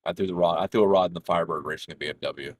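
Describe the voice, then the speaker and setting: Deep-voiced, profane man storyteller. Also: rapid-fire, no room sound. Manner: profane, rambling, laughs through his own anecdote. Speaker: gaming streamer. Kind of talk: casual storytelling while gaming.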